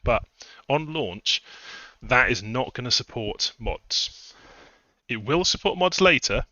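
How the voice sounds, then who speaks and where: A man's voice: medium pitch, lively intonation, slow, pushed and bright, no room sound, muffled recording. A man chatting casually on a live stream, rambling through his points with fillers, a little out of breath. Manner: rambling, conversational, many fillers and restarts. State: a bit out of breath. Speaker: streamer and game modder.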